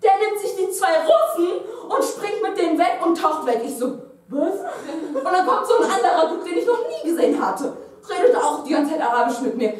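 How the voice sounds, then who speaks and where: Young woman, high voice, improvised comic monologue, laughs through it, echoey room heard from far off. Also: brisk, few pauses. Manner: lively, laughing through her story. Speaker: student storyteller. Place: classroom stage.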